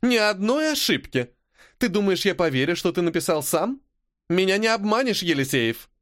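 A man doing a shrill bossy schoolteacher woman. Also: big pitch swings, fairly quick, fairly bright tone. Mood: accusing. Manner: strident, accusing, commanding. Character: shrill bossy female math teacher, middle-aged.

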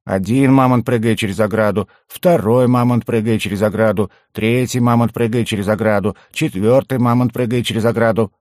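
A man's voice: mid-range voice, big pitch swings, fairly quick, a little mellow, husky, no room sound, voice pushed up. A man voicing a mischievous young male goblin jester with a cheeky, pestering manner, in a dry, close recording. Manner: cheeky, pestering, innocent-sounding.

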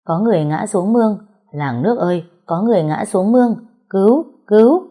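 A woman voicing two panicked village men yelling for help. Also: mid-range voice, lively intonation, a little fast, voice pushed up, lightly acted.

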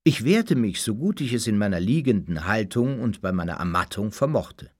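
A man reading a story aloud in the first person with theatrical, expressive delivery. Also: lowish voice, moderate pace, no echo, studio quality. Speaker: audiobook reader.

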